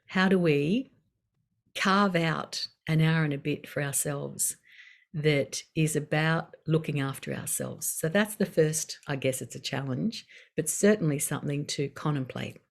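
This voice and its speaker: Middle-aged woman, low voice, calm unhurried facilitator of a wellbeing session. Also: vocal fry. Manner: calm, unhurried, gently guiding with pauses. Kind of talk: guided self-care talk.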